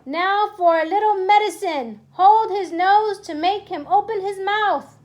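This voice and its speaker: A woman's voice: extremely high pitch, a little slow, muffled recording, pitched above the performer's own voice. Shrieking cruel witch queen, as a woman puts her on. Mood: shrill, commanding. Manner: screeching commands. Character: shrieking, cruel old female witch leader.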